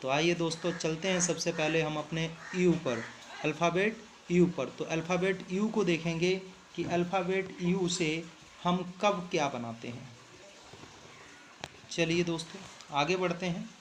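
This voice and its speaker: A man's voice: fairly high pitch, measured pace, a little hiss or hum. A man teaching an online phonics lesson, patiently repeating points, asking questions and answering them himself, and calling his students "beta". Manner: calls students "beta" fondly.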